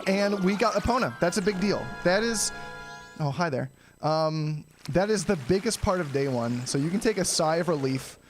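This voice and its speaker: A man giving casual live speedrunner commentary, explaining each step of a game to viewers and often clearing his throat. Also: high voice, animated, normal speed, over music. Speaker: speedrunner streaming a game challenge.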